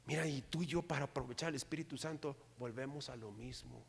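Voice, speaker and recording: A middle-aged man, preaching a sermon with animated delivery and often asking the congregation for agreement. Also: medium pitch, fast, gravelly, slight background noise. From Mexico. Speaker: pastor. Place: church hall. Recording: long hall reverb.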